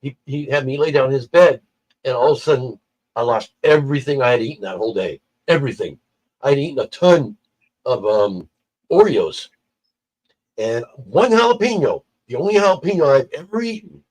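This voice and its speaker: A man's voice: mid-range voice, lively intonation, normal speed, a little mellow, low-quality recording. A man telling a personal story in casual chat on a livestream, acting out the people he quotes. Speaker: livestream guest.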